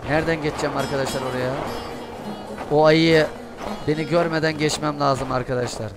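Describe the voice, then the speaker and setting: A young man doing Let's Play commentary, excitable, cursing and shouting at the game. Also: fairly high pitch, brisk, over music. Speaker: gaming streamer. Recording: noisy gameplay audio behind voice. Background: game sounds and ambience.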